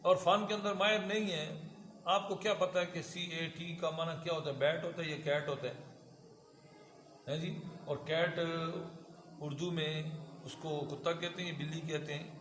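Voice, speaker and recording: A man gives a classroom lecture as an Islamic teacher, constantly quizzing his students and having them repeat his words. His voice sits a little high. The recording rings with long reverb from a large hall, and steady background noise runs under it. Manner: lively, asks students questions and has them repeat.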